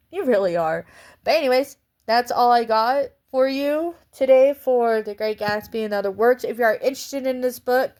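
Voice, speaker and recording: A woman giving a casual vlog book review in a chatty, rambling way, often breaking into laughs. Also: medium pitch.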